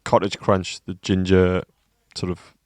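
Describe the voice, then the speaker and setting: A man's voice: low-pitched, completely flat delivery, a little slow, darkish tone. A man co-hosting a shop podcast, chatting casually and enthusiastically, often using fillers like "like". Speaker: podcast co-host at a guitar shop. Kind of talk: casual chat. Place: shop, indoors.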